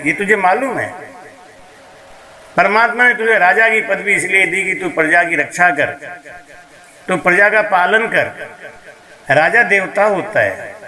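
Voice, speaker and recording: A man's voice: high-pitched, pushed and bright, full character voice. A man voicing a bold, scolding palace maid. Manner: rebuking, preachy.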